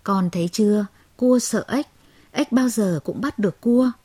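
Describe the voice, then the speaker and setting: A woman's voice: mid-range voice, measured pace, dark tone, breathy edge. A woman voicing a mother frog who scolds her son in a firm, admonishing way. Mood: stern. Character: stern, caring mother frog.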